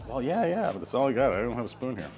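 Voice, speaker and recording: A man's voice: medium pitch, big pitch swings, rapid-fire, a little mellow, soft background music. A man hosting a casual cooking demonstration in a kitchen, talking through each step in an easygoing way with frequent filler sounds. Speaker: chef hosting a cooking demo.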